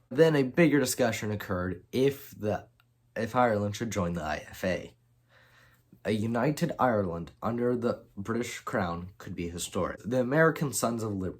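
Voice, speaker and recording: Low-voiced man narrating, stumbling restarts. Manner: casual, many restarts and self-corrections. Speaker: channel host narrating an alternate-history scenario. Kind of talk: unscripted storytelling narration.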